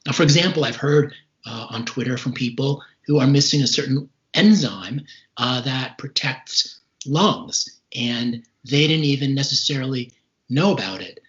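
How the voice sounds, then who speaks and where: A forties-aged man recovering from serious respiratory illness tells of his experience in an interview, halting and measured, a little short of breath. His mid-range voice has lively intonation and is a bit bright, heard over a dull lo-fi call line.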